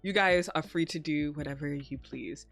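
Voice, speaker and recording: Female streamer, bubbly and cute yet on the lower side in pitch, loose sweary chat, music underneath. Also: normal speed, vocal fry, fairly bright tone. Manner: casually sweary. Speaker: streamer hosting a live stream. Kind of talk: casual live-stream chat to viewers.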